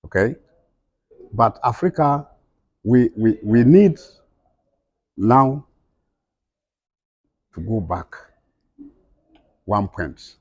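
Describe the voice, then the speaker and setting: A man's voice: fairly low pitch, lively intonation, very slow, pauses often, darkish tone, husky, no echo, dull audio. A middle-aged man speaking emphatically in broken, non-native English, repeating his points as an interviewee. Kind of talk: impassioned conversational speech.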